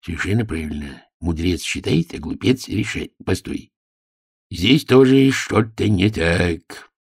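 A man voicing a pompous, slow-witted king who muses quietly in a storybook reading. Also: low-pitched, lively intonation, creaky, husky, dry recording, clean studio sound, exaggerated voice. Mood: pompous, musing.

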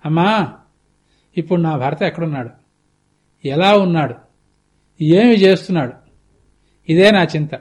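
A grief-stricken young queen pleads in a quick, plaintive rush, as a man puts her on. The voice dips lower and quieter than the narrator's telling, though still fairly high for a man. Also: lively intonation, slightly rough. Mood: pleading.

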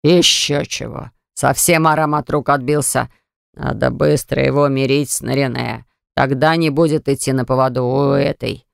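A reader voicing an indignant elderly father who speaks in slow, low, grumbling outbursts, in an audiobook. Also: steady tone, gravelly, smooth, no room sound, clean studio sound. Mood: self-pitying. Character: indignant elderly father, hot-tempered and dramatic. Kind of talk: audiobook character voice.

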